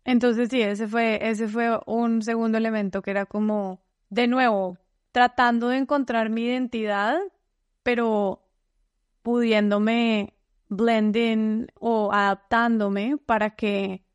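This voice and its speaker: A Colombian woman, a guest on a podcast, chats casually and talkatively, often restarting phrases and using fillers. Her fairly high voice is level, clean and unhurried, with no room sound, though the recording is muffled.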